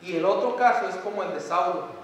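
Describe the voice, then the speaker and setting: An impassioned male preacher, pleading directly with his congregation. His fairly high voice rings through a large church hall with long reverb and is heard from some distance. A faint hum of room noise sits underneath. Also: fairly quick. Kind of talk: sermon.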